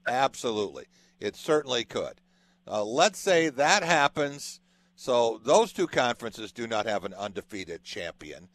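Man, sports radio host, animated up-and-down delivery, walks through long what-if scenarios. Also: mid-range voice, a little slow. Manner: lays out long hypothetical scenarios. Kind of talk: radio interview.

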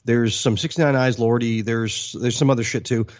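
A man's voice: medium pitch, fairly even intonation, moderate pace. Guy co-hosting a podcast, rambly storytelling, slightly dull muffled sound. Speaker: podcast co-host. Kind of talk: casual chat.

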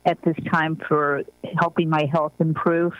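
A woman's voice: sits low, little pitch movement, a little slow, dry recording. Woman caller over a muffled phone line. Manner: polite, asks questions earnestly. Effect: heard over a phone line. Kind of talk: call-in conversation.

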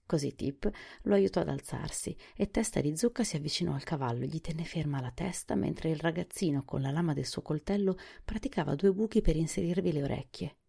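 A woman narrating a children's storybook in a calm, measured reading. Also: deep voice, creaky, husky.

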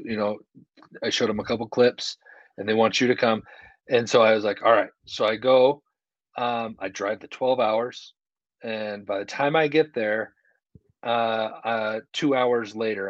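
A man telling a casual anecdote as a guest comedian on a podcast, recorded in a hallway with audible echo. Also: on the low side. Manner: conversational, quotes other people's dialogue. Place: indoor hallway, video call. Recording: echoey hallway, dull muffled sound.

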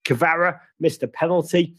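A man's voice: on the high side, normal speed, fairly bright tone, slightly rough, dry recording. A man hosting a football podcast, giving casual news commentary with wry, playful asides. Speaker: podcast host.

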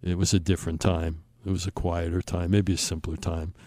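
A man's voice: low-pitched, little pitch movement, fairly quick, dark tone, no room sound. An older man with a Brooklyn accent tells a personal story in an emphatic, conversational way, acting out the dialogue. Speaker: storyteller on a talk show.

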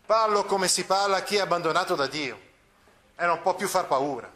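A man's voice: sits high, expressive, normal speed, sharp tone. A man reading aloud the lines of an indignant elderly friar who sternly rebukes a powerful lord. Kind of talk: reading a novel aloud in class.

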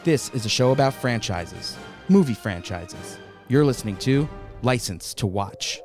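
A man's voice: medium pitch, lively intonation, measured pace, darkish tone, soft background music. Man hosting a movie podcast. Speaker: podcast host. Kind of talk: scripted intro narration, then casual chat.

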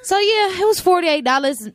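A woman co-hosting a radio show in a studio, talking in casual, animated, slangy chat. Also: very high voice, moderate pace, no room sound. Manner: animated storyteller, blunt and slangy. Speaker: co-host.

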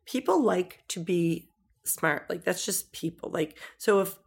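A middle-aged woman talking casually as an interview guest, telling animated stories and acting out the voices she quotes. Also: fairly low pitch, measured pace, vocal fry, slightly rough. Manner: animated storyteller, acts out quoted voices, many "like" fillers.

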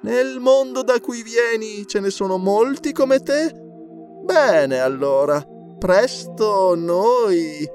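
Male reader doing a haughty priestess, high lilting voice, slow and imperious, audiobook. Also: expressive, darkish tone, soft background music, exaggerated voice. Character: proud alluring woman priestess, imperious.

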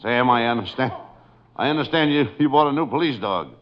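An American actor playing an exasperated police lieutenant in the manner of a 1930s beat cop in radio comedy. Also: male voice, mid-range voice, expressive, brisk, natural voice. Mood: setting up. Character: excitable, exasperated police lieutenant in comic sketch. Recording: dull lo-fi old radio, faint noise.

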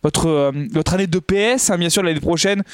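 A man's voice: high-pitched, fairly quick, smooth, no room sound, studio quality. A man hosting a casual comedic podcast, playful and jokey, rambling with fillers. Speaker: podcast host.

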